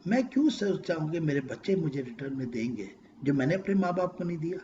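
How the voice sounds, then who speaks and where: A man giving an emotional religious lecture, swinging between loud exclaims and hushed phrases and reciting verses in Arabic. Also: fairly high pitch, very animated, muffled recording, a little hiss or hum. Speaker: Quran lecturer.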